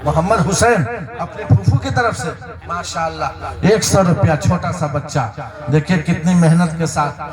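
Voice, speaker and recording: A man with a Bhojpuri accent calls out donations at a madrasa gathering, lively and now and then breaking into loud sung verses. His voice sits high. It rings through an echoey space with a crowd murmuring behind him. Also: normal speed. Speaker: madrasa event fundraiser announcer. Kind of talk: announcing donations at a religious gathering.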